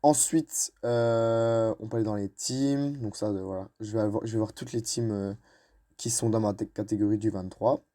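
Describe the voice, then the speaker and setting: Hesitant young man, mellow voice. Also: on the low side, steady tone, normal speed. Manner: hesitant, many fillers and restarts. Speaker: YouTuber. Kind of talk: screen-recorded tutorial narration.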